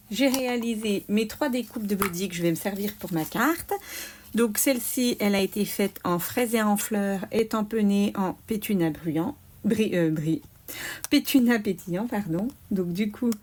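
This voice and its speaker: Slow-talking woman demonstrating crafts. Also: mid-range voice, noisy background. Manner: slow, explaining each step aloud, small "hop" asides. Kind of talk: step-by-step crafting tutorial.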